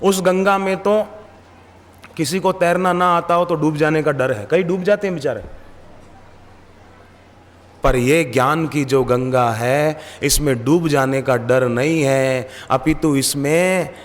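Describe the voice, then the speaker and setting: A man giving a devotional sermon, speaking slowly and emphatically, asking rhetorical questions and telling stories. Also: on the high side, long reverb tail. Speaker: spiritual preacher.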